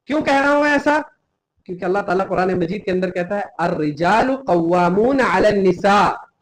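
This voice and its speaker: A young man preaches with fervor in a strikingly high voice. He scolds his listeners and breaks into quoted scripture in Arabic. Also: poor audio. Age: young adult. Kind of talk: sermon.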